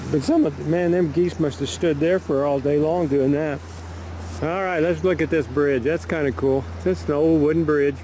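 A man's voice: fairly high pitch, fairly even intonation, moderate pace, dark tone, slight background noise. A man talking casually and joking as he films a walk by a river, recorded on a handheld camera outdoors. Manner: folksy, chatty and joking. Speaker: vlogger filming a walk. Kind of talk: casual walking vlog narration.

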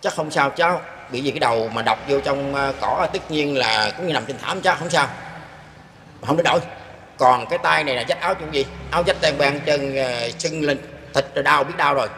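A man's voice: medium pitch, brisk, vocal fry, bright, forceful tone. An older man recounts his own experience in a casual, earnest and rambling manner, often turning to address his listeners. His voice carries a long reverberant tail in an echoey room. Faint background noise sits beneath it. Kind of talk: casual spoken storytelling.

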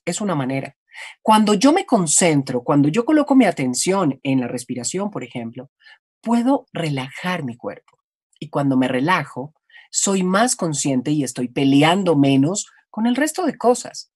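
A woman from Colombia, a voice-over artist, explaining her craft in a reflective, animated conversational interview. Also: low-pitched, normal speed, slightly rough, no echo, studio quality.

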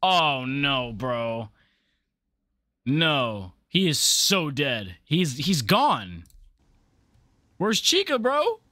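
A man's voice: fairly high pitch, wildly swooping pitch, extremely slow, pauses often, sharp tone, no echo. A young man hosting a reaction video in a gaming room on a headset, talking casually and exclaiming and swearing at jump scares.

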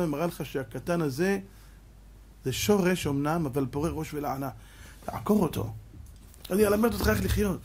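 Husky guy rabbi giving a torah class, fast questions at the crowd, kinda high voice, acts stuff out. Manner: animated, fires rhetorical questions at listeners; acts out scenes with sound effects and mock voices. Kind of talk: lively religious lecture.

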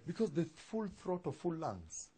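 A man preaching a sermon to a live congregation, with laughing asides and loud emphatic peaks. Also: on the high side, wildly swooping pitch, a little slow.

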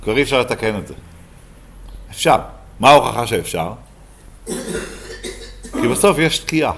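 A man's voice: medium pitch, big pitch swings, gravelly, a bit bright, slight background noise. A rabbi giving a Bible lesson to a live class, who keeps asking his listeners questions and then answering them himself.

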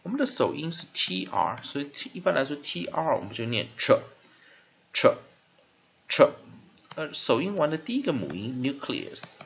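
A male teacher giving a phonics lesson, sounding out word parts slowly and repeatedly with many filler sounds. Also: fairly high pitch, sing-song, vocal fry, a bit bright, slightly rough. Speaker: English teacher. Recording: dull lo-fi recording with faint hiss.

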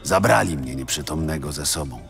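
Gruff Norse warrior, video game survivor, deep voice, somber plain speech, music underneath. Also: male voice, lively intonation, a little fast, fairly bright tone, full character voice. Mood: grim recollection.

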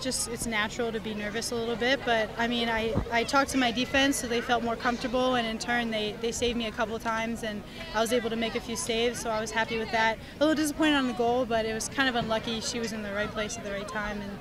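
A woman's voice: fairly high pitch, fairly even intonation, fast, few pauses. A young woman, a goalkeeper, speaking earnestly in an outdoor post-game interview at night. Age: young adult. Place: outdoors at a floodlit field at night. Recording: stadium crowd behind.

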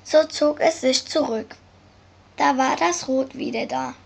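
A woman reading a children's story aloud as narrator, in a slow, careful way. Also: high voice, vocal fry, slightly rough. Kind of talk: scripted narration.

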